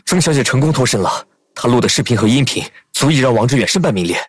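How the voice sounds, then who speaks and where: A male assistant reporting to his boss. He talks quickly and deferentially, his slightly husky voice moving up and down. The recording is dry and close. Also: medium pitch, expressive, dry recording. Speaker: boss's assistant.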